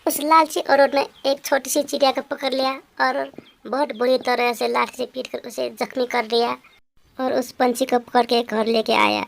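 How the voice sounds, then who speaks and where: A woman narrating a children's story in a flat, repetitive telling. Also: sits high, moderate pace, vocal fry.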